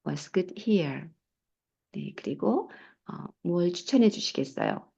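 A woman teaching travel English in a recorded lesson, unhurried and careful as she models each phrase. Her voice sits low and dark, with a gravelly edge. The recording is somewhat muffled and lo-fi. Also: animated. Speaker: English teacher and textbook author.

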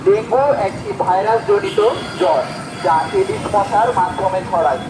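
A man's voice: sits high, normal speed, background noise. A man with a Bangladeshi accent reads out a public service announcement to residents as a volunteer, speaking through a megaphone.

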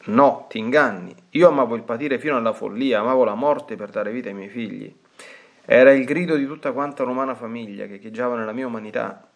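A man reading aloud the words of Jesus, gentle and consoling, with calm pauses. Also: mid-range voice, vocal fry, voice pushed up, close to an everyday voice. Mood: tender. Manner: calm, tender reassurance, read with pauses.

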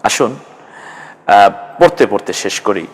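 A man's voice: lowish voice, expressive, slow pace. A man teaching a Quran class, patiently drilling Arabic letters one at a time and modelling their pronunciation. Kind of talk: online Arabic letter lesson. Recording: long hall reverb.

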